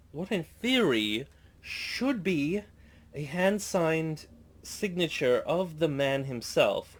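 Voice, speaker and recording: Brief: man, mid-pitched, loose rambling vlogger, thinks out loud, trips and restarts often. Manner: rambling and chatty, with frequent restarts and self-corrections; curious, musing aloud. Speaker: vlogger unboxing a guitar. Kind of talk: casual unboxing commentary. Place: indoors at home.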